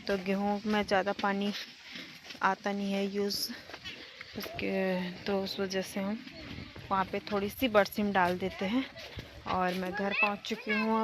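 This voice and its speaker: A woman from Uttarakhand with an Uttarakhandi Hindi accent vlogging her village life outdoors, chatting to viewers and calling loudly to her cows. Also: mid-range voice, noisy background. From Uttarakhand, India. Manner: chatty, switching to loud coaxing when calling her cows. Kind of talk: casual daily-life vlog narration. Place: outdoors around a village home and cowshed.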